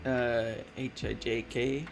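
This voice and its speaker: Against a noisy background, a late-twenties man streaming his art talks casually and rambles, leaning on fillers and showing easy delight. He speaks slowly in a flat, medium-pitched voice.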